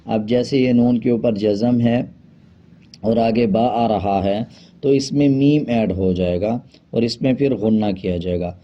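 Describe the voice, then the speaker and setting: A man teaching a Quran reading lesson, switching between brisk explanations and slow, drawn-out spelling of letters. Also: fairly low pitch. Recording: dull lo-fi sound.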